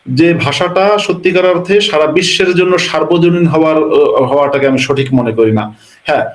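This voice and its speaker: A man from Bangladesh, a religious scholar explaining an answer and piling up rhetorical questions. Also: a little high. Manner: lecturing, piles up rhetorical questions. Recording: roomy echo.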